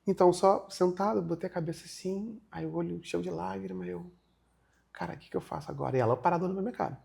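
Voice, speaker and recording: A man's voice: high voice, quick pace, creaky. A young man, telling a story in a casual interview and acting out the other people in it. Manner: animated, acts out other people's lines in his retelling. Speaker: guest.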